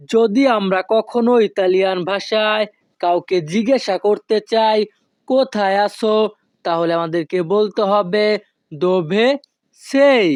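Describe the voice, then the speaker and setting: A woman giving a scripted language lesson, speaking slowly and carefully and repeating each phrase several times. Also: mid-range voice, darkish tone, no echo, clean studio sound. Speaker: language teacher.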